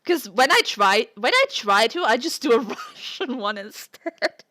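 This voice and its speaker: A woman's voice: on the high side, sing-song, measured pace, sharp tone. A woman streamer chatting casually and reading aloud, laughing often and mocking herself.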